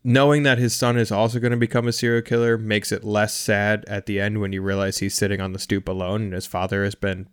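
A man's voice: fairly low pitch, little pitch movement, fast talker, hardly any pauses, smooth. A man co-hosting a podcast, chatting casually and enthusiastically about a horror film. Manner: enthusiastic, joking. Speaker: podcast co-host. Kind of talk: casual movie discussion.

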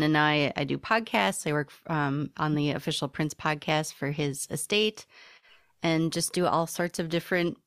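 Deep-voiced woman, podcast guest. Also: dry recording, clean studio sound. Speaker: podcast guest, music journalist. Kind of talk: casual interview.

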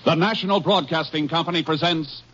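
A man announcing a 1950s radio drama in a booming, formal style. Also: brisk, fairly bright tone. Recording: dull old radio transcription over music.

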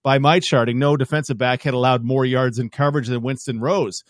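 A man talking football as a guest analyst on a radio show, in a quick, animated, chatty way. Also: medium pitch, dry recording, clean studio sound. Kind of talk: casual sports talk.

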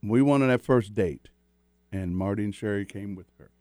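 A man speaking as a guest, telling a story in a soft, rambling way. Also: on the low side, normal speed, dry recording, studio quality. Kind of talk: casual chat.

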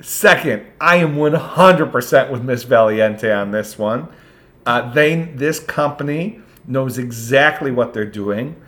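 A man's voice: medium pitch, expressive, measured pace, fairly bright tone. A man co-hosting a podcast in casual chat, playful and laughing often, with lots of ums and restarts. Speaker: podcast co-host.

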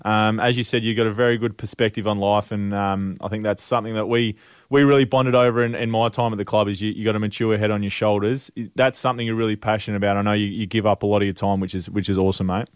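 A man's voice: on the low side, flat delivery, quick pace, clear, resonant tone, no room sound, studio quality. An Australian man co-hosting a casual radio show. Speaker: radio show co-host, former player.

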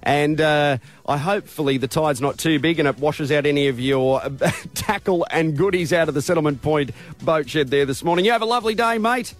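A man's voice: on the high side, fairly quick, soft background music. An Australian man presenting a radio breakfast show in a chatty, colloquial, matey way on a studio microphone.

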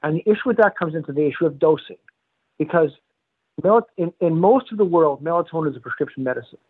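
Brisk male medical expert, slightly high voice, tinny phone-line sound, careful and explanatory. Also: animated, husky. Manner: measured, explanatory, self-correcting. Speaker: pediatrics and pharmacology professor. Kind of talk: phone interview.

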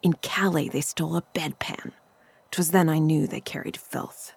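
A woman voicing a scornful young servant boy who mocks his masters in confiding asides. Her voice is low, gravelly and husky, recorded dry and close. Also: steady tone, normal speed, no room sound, exaggerated voice. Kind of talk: Shakespearean stage acting.

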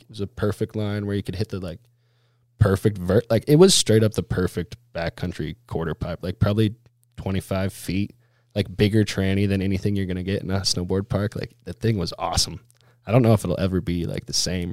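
A man's voice: sits low, a little mellow, no echo. A man telling stories in a casual, laid-back way as an interview guest, full of snowboarder slang, with "like" and "dude" all through. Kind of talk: casual chat, storytelling.

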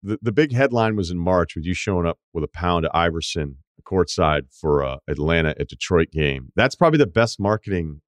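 A man's voice: low-pitched, lively intonation, fairly quick, few pauses, no room sound, studio quality. An American man hosting a sports podcast, talking in an informal, conversational way. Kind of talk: casual sports talk and ad reads.

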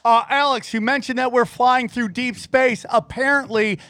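A man's voice: extremely high pitch, steady tone, normal speed, sharp tone. A man hosting an interview in a casual, informal and earnest way. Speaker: show host and interviewer.

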